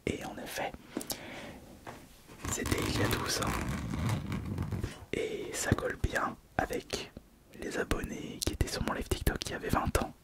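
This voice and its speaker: A man's voice: measured pace, long pauses. A man whispering an intimate ASMR monologue, very close, as if right in the listener's ear. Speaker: ASMR video host.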